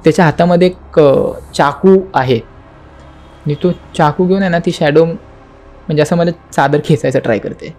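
A man's voice: fairly high pitch, moderate pace, a little mellow. A young man, a podcast guest, telling a spooky story in casual talk, acting out the quotes and the knocking, with English words mixed into his speech. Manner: dramatic retelling, acting out quotes and knocking sounds.

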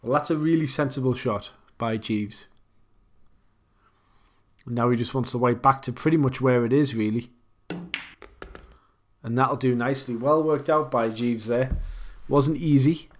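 A man with a medium-pitched, mid-range voice casually commentates an online pool match. His tone is conversational, and he often stops to think aloud about which shot he'd take himself.

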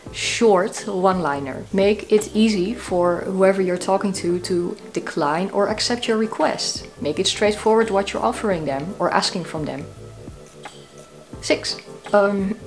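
A woman in her thirties sharing tips to camera from a small cozy room, with a dry, self-mocking humor. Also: mid-range voice. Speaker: YouTube creator. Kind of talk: talking-head tips video.

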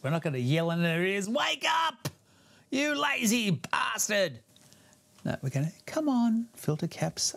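A man's voice: mid-range voice, a little mellow. A man working through a guitar amp repair as a hands-on tutorial, explaining each step in a chatty way with some self-deprecating humor.

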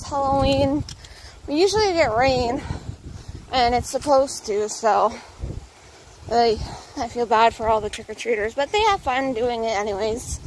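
A young woman vlogs while walking a suburban path outdoors, holding her phone at arm's length and sounding a little out of breath as she chats casually. Her voice sits high, and the rough recording carries some hiss or hum.

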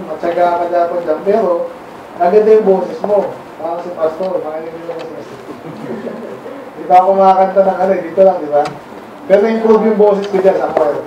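High-voiced man preaching in an echoey hall. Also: muffled recording, background noise. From Philippines. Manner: quizzes the congregation with frequent questions. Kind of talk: conversational sermon. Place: church hall. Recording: very echoey hall, mic far off.

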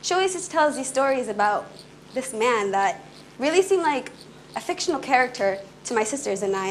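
A young woman who grew up in Canada gives an earnest, fluent public talk on stage in a small indoor room, speaking quickly with brief restarts. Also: a little high, slight background noise, poor audio. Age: young adult. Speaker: conference speaker.

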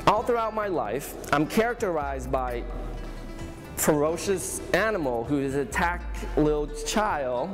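A man from Vietnam with a Vietnamese accent, a guest speaker telling his family story to students in a plain, halting way. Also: a little high, animated. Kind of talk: personal storytelling talk. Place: large classroom. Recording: echoey room with music.

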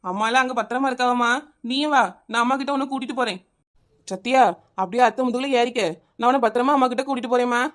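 A woman voicing a brave, kind young aunt in a cartoon, speaking briskly and reassuringly. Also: a little high, fairly even intonation, a bit bright, natural voice. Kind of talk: cartoon voice acting.

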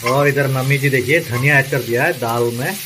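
A man's voice: medium pitch, fairly even intonation, a little fast, background noise. A man with an Assamese accent presenting a casual cooking vlog at home, talking eagerly about the smells and flavours as he cooks. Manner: enthusiastic, exclaims over the smells and flavours. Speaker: cooking vlogger. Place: home kitchen. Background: food sizzling and frying.

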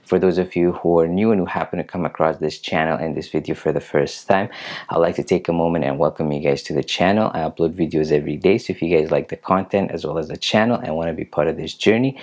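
A man in his thirties with a deep, low-pitched voice hosts his own reaction channel from an indoor room. He speaks casually and haltingly, often pausing on fillers between phrases. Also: a little mellow. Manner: halting, frequent filler pauses.

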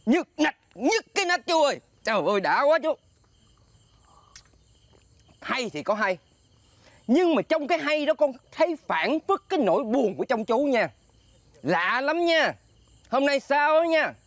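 An actor playing a cheeky, excitable young male adviser with a Southern Vietnamese accent in a comedy sketch, fond of flattery and exclamations. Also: very high voice, unhurried, pauses often, dry recording, full character voice. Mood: excited. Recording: music playing behind the voice.

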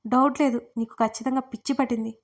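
A woman's voice: fairly high pitch, steady tone, fast talker, close to an everyday voice. A woman voicing an impatient young husband who snaps irritably. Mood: irritated. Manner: snapping, irritated.

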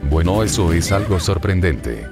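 A man voicing a young woman ally who asks questions in surprise, read over loud background music. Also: sits low, lively intonation, normal speed. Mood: astonished.

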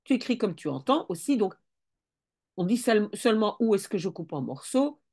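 A woman's voice: mid-range voice, very animated, normal speed, darkish tone. A woman teaching Dutch spelling rules, explaining step by step and often correcting herself as she thinks aloud. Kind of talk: casual explanatory lesson.

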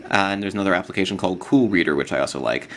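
A man giving a relaxed, casual product demo of an app, with plenty of fillers. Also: deep voice, rapid-fire. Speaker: tech blogger demonstrating an app.

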